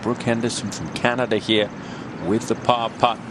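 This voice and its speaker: A man's voice: medium pitch, fairly even intonation, moderate pace. A man giving live play-by-play as a golf commentator. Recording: very noisy outdoor broadcast sound.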